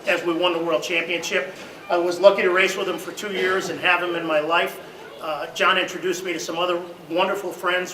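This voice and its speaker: A high-pitched man gives a eulogy at a memorial service, recounting stories with many fillers and becoming loud over the boat anecdotes. The hall is roomy, the microphone distant, and there's slight background noise.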